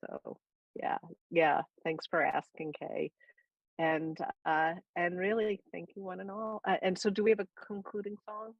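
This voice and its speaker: A woman's voice: on the low side, flat delivery, measured pace, vocal fry, dry recording, dull audio. A woman rabbi giving closing announcements in a chatty way, full of ums and uhs.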